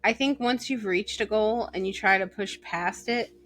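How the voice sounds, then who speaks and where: A woman's voice: mid-range voice, normal speed, fairly bright tone, faint music behind. A woman co-hosting a casual chat, wry and playful, reading aloud through a mask. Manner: wry, playful, chimes in with jokes. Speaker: podcast co-host. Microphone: speaking through a mask.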